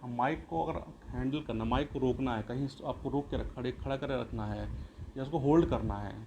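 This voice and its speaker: A slightly mellow, mid-range man's voice moves fairly quickly through an explanatory lesson, the recording muffled but with clear background noise. The school teacher repeats himself in different words and answers questions he poses.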